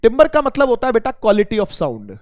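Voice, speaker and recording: A man with a rather high voice explains physics to students in a relaxed, conversational way, often asking a question and then answering it himself. His throat sounds a little strained. The recording is close and dry, with no room echo. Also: moderate pace. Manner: addresses students as beta, asks and answers his own questions. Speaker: teacher. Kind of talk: casual spoken physics lesson.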